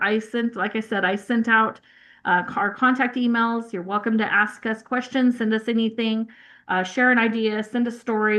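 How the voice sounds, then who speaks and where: A woman presenting as a family newsletter editor on a video call, halting and self-conscious, with many fillers and apologies. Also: medium pitch, fairly bright tone.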